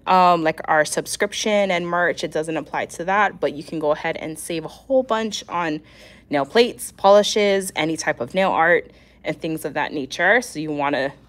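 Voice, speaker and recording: A woman with a cold hosts her weekly nail art livestream, sounding nasal and congested, her voice scratchy and on the low side. She chats casually and clears her throat now and then.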